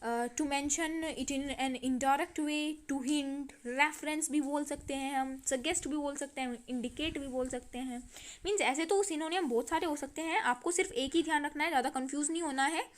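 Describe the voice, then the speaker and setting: High-voiced woman teaching vocabulary. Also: steady tone. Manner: explains slowly, repeats words, checks with "ठीक है?". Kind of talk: vocabulary lesson.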